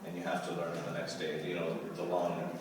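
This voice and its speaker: A man with a low, monotone, fairly quick voice answers fans' questions as a guest actor on a convention panel. He's Canadian, and he rambles, repeats words and laughs often. The recording is far from the mic in a large, echoing hall with an audience making noise.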